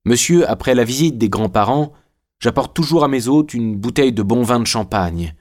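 A man's voice: mid-range voice, lively intonation, moderate pace, darkish tone, natural voice. A man voicing an obsequious jailer in an audiobook, with an ingratiating manner. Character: obsequious male jailer selling wine.

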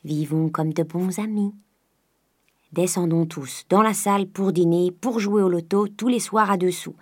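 Woman doing a grumpy old miser guy, lower voice, sweet-talking, kinda husky and dry. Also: unhurried, a little mellow, no room sound. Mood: coaxing, gruff. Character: miserly, gruff old man, coaxing and domineering.

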